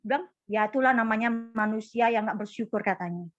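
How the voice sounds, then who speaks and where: A woman sharing a church testimony in a casual, animated storytelling way, acting out what others said. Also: fairly high pitch, a little fast, dry recording, dull audio.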